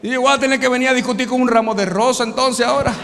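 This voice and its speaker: A man pastor preaching with humor, telling stories in an animated way and sometimes shouting. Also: very high-pitched, rapid-fire. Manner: animated storytelling, bursts of shouting. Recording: reverberant hall, faint noise.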